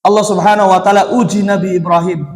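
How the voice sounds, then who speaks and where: A man's voice: high voice, fairly even intonation, quick pace. A man with an Indonesian accent giving a mosque study lecture, who asks his listeners questions and then answers them himself. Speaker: Islamic teacher. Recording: echoey hall.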